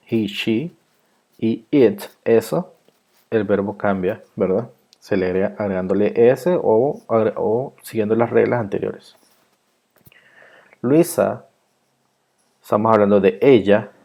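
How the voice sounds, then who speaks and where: Slow, mellow-voiced male teacher. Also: lowish voice, creaky. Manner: slow, patient, repeats rules and examples. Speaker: English teacher. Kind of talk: grammar lesson explained in Spanish.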